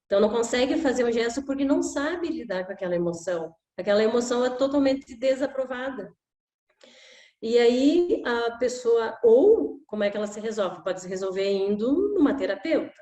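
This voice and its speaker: A woman's voice: on the high side, animated, moderate pace, dark tone. A middle-aged woman explaining emotional education in a conversational way, often adding "né?" and acting out examples. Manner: conversational, with frequent "né?" tags and acted examples. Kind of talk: informal talk to camera. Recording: echoey room.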